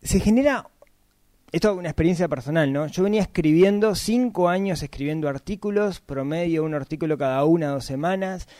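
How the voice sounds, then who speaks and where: A man, giving a casual, chatty talk about podcasting and often tagging his points with quick questions. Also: a little high, mellow, no room sound. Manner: chatty, frequent tag questions.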